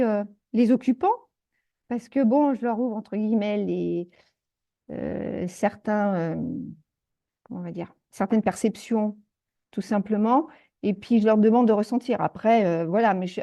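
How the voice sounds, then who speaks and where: A woman guest in a casual interview, telling her own stories in an animated, exclamatory way, full of fillers and restarts. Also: medium pitch, normal speed. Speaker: energy healer guest.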